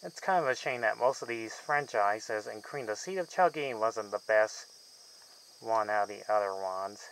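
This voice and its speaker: A man with a fairly low voice gives a casual film review, talking in loose, rambling sentences that wander and trail off. Faint crickets chirp behind him. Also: expressive, moderate pace, gravelly, fairly bright tone, a little hiss or hum, poor audio. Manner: rambling and loosely strung, trailing off mid-thought. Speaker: movie reviewer.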